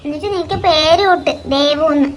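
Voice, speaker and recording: A woman's voice: sits high, fairly quick, very noisy, lightly acted. A woman voicing a doting, teasing old grandmother in a cartoon who tells tall tales to her granddaughter. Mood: storytelling. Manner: storytelling, fond and teasing. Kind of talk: cartoon voice acting.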